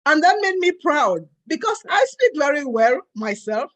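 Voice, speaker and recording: A woman's voice: high-pitched, big pitch swings, normal speed, a bit bright. A woman from Cameroon, speaking earnestly and emphatically as a co-host in a panel discussion.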